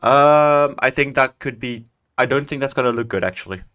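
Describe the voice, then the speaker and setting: Casual Minecraft stream commentary comes from a man in his twenties, medium-pitched, fairly bright, and moderately paced. Chatty and rambling, he jokes at his own expense and murmurs while typing commands in the building game.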